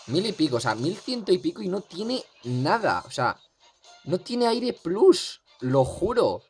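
Chatty young gaming commentator. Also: male voice, fairly high pitch, big pitch swings, moderate pace, slightly rough, faint music behind. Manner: rambling, chatty, lots of fillers. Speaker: gaming youtuber. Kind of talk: casual gameplay commentary.

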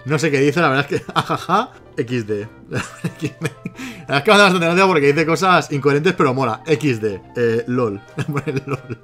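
A man's voice: on the high side, expressive, normal speed, fairly bright tone, soft background music. A man with a Spain Spanish accent gives casual, chatty commentary as he chats with a bot. He giggles often and keeps breaking into laughter. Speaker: YouTuber.

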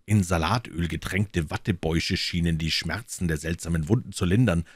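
A man reading a detective story aloud in a measured storytelling manner. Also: sits low, slightly rough, dry recording, clean studio sound. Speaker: audiobook narrator. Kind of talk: dramatic audiobook reading.

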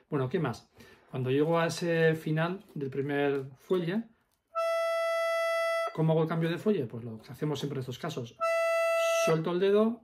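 A man teaching accordion step by step, patiently explaining fingering and counting the beats aloud. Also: fairly high pitch. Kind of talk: step-by-step music lesson.

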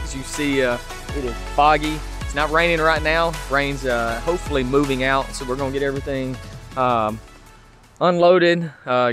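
Easygoing man vlogging over music. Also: mid-range voice. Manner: relaxed, filler-heavy explaining. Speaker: fishing vlogger. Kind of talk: casual vlog narration. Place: outdoors on a suburban street and lakeside, also in a truck. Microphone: handheld camera at arm's length. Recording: music playing underneath. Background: background music.

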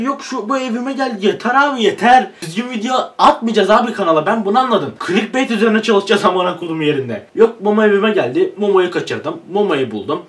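High-voiced young man ranting, swearing. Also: fairly bright tone, distant mic. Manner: frustrated, swearing, half-joking rant. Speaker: YouTuber. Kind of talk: ranting vlog.

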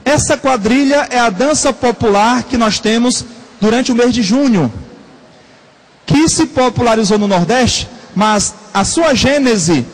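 A man teaching a Portuguese class, repeating key terms slowly and asking the students questions. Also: extremely high pitch, lively intonation, big-room sound, low-quality recording. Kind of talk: classroom lecture.

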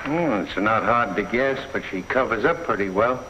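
A man's voice: fairly low pitch, animated, moderate pace, close to an everyday voice. An actor playing a practical male police lieutenant who speaks in a matter-of-fact, wry way, on an old 1950s TV soundtrack. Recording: dull 1950s TV soundtrack, faint hiss.

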